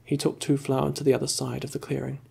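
A man reading a story aloud in a slow, calm, soothing ASMR voice, close to the mic. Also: mid-range voice, gravelly, breathy edge. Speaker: ASMR reader.

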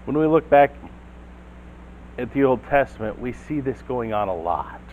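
A man's voice: medium pitch, animated, normal speed, narrow, tinny audio. A man preaching a sermon as the church's pastor, telling a Bible story and putting questions to the congregation. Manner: storytelling, acts out quotes, asks the listeners questions.

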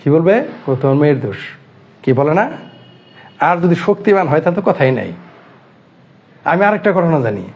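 A man's voice: a little high, lively intonation, moderate pace, long pauses, highs cut off. Indignant man firing rhetorical questions. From Bangladesh. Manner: indignant, fires rhetorical questions and repeats phrases. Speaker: online commentator. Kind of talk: heated monologue commentary.

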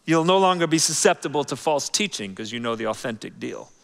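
A man preaching a sermon as pastor, talking in an animated, conversational way that drops to soft, quiet phrases. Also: medium pitch, a little fast, gravelly. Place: large church auditorium. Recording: long church hall reverb.

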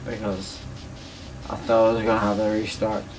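A man's voice: fairly low pitch, level tone, normal speed, a little mellow. A young man giving casual, sweary gameplay commentary while drunk, rambling as he talks. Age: young adult. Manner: heavy swearing. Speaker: gaming video host. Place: small indoor room at a desk. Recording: distant mic, clear background noise.

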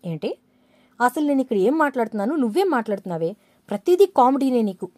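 A woman's voice: on the high side, very animated, fast talker, darkish tone, no echo, clean studio sound. A woman voicing a playful, romantic young husband who coaxes and teases his wife. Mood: mock-scolding. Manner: playful, coaxing.

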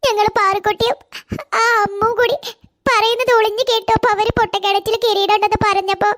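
A woman's voice: very high-pitched, flat delivery, brisk, a bit bright. A woman voicing a frightened little girl in a cartoon who cries and talks breathlessly. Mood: panicked. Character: panicked little girl named Sneha. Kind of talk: cartoon voice acting.

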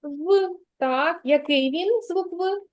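A woman preschool teacher with a Ukrainian accent giving a slow, patient literacy lesson, sounding out words for a child. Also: extremely high pitch.

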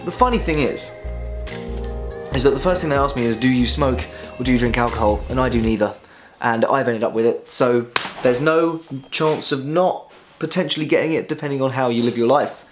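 A man's voice: medium pitch, moderate pace, over music. A young male singer and vlogger telling a personal story casually and animatedly, his voice strained by vocal nodules. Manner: animated, acts out quotes, laughs through his story.

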